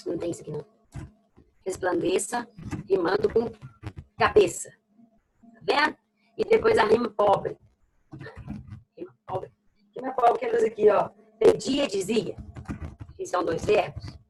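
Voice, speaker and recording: Brazilian woman, literature teacher, animated delivery, faint background hiss, explains and repeats. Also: a little high, creaky, low-quality recording. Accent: Brazilian Portuguese. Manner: explanatory, repeats key phrases, checks with "ok?". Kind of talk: recorded class lesson.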